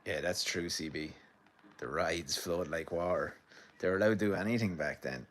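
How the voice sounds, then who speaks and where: Low-pitched and a bit bright, the voice belongs to an Irish livestream host from the midlands who rambles through match commentary and viewer chat from his sitting room. His pace is moderate, and a little hiss or hum can be heard.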